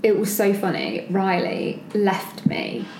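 A woman's voice: medium pitch, very animated, slow pace, gravelly, a little mellow, a little hiss or hum. A woman, co-hosting a podcast in casual chat, telling rambling anecdotes with frequent laughs. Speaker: podcast co-host. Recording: roomy echo.

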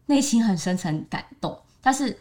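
A woman's voice: medium pitch, moderate pace. Young Taiwanese woman telling a story. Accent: Taiwanese Mandarin. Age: 20s. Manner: animated storyteller, quotes friends in livelier voices. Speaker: podcast co-host. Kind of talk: casual chat, storytelling.

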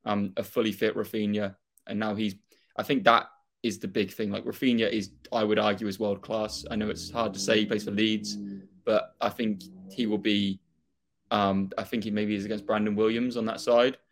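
A young man with a Norfolk accent chatting casually and opinionatedly about football as a fan, in a rambling way. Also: on the low side. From Norfolk, England.

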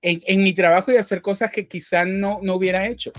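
A man from Venezuela speaking as an interview guest, thoughtful and halting, often restarting and repeating words. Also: high-pitched, steady tone, fairly bright tone, faint music behind. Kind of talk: casual interview talk.

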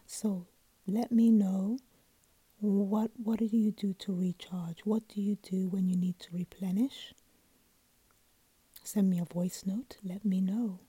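A sleepy woman hosting her own podcast, chatting casually in a soft whisper with lots of ums and restarts, close to the mic. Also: medium pitch, fairly even intonation, slow, husky, no echo. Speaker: podcast host. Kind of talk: casual solo podcast chat.

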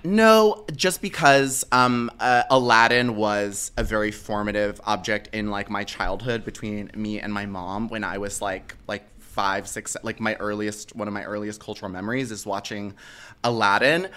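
Casting: male co-host, sassy and camp, bright forward voice, emphatic slangy delivery for casual film chat. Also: lowish voice, fairly even intonation, moderate pace, clear, resonant tone.

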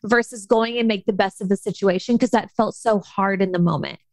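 A young adult woman telling a story in a casual, animated chat, with lots of restarts. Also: medium pitch, brisk, dry recording. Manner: animated, chatty, many restarts.

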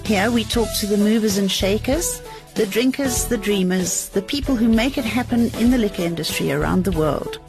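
A woman's voice: medium pitch, normal speed, over music. A middle-aged woman hosting an interview show, chatting playfully and laughing often. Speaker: podcast host.

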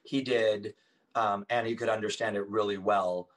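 Rambling man in his forties, low voice. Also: steady tone, moderate pace, low-quality recording. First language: Thai. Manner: rambling with frequent ums and self-corrections. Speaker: guest. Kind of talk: casual interview talk.

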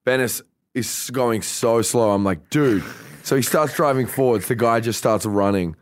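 A man's voice: medium pitch, moderate pace, clean tone, no echo. A man with an Australian accent, co-hosting a podcast and telling a story in casual chat, swearing freely and acting out what people said. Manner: animated, swears freely, acts out quoted dialogue. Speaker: podcast co-host.

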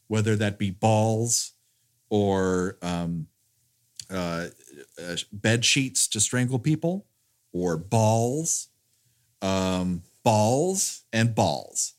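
A man hosting a podcast, discussing films casually in a halting, stammering way. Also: lowish voice. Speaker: podcast host.

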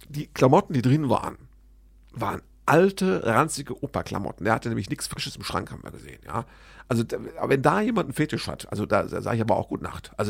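A man casually telling a story to his listeners, animated and self-deprecating, acting out both sides of the dialogue. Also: medium pitch, creaky, breathy edge, no echo.

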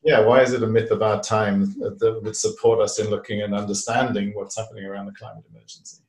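A man's voice: lowish voice, flat delivery, fast. A man interviewing a guest, appreciative, asking long open questions. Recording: echoey room, voice from a distance.

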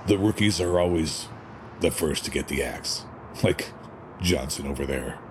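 An actor playing a gruff, weary older police commissioner in an audio drama, grumbling in folksy, streetwise slang. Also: male voice, a bass voice, a little slow, background noise.

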